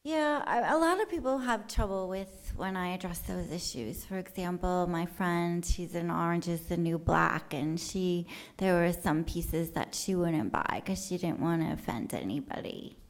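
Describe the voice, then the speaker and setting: A woman artist with a lowish voice speaks at a moderate pace, hardly pausing. Giving a live, unscripted talk about her work to an audience, she rambles and jokes in an offhand, colloquial way.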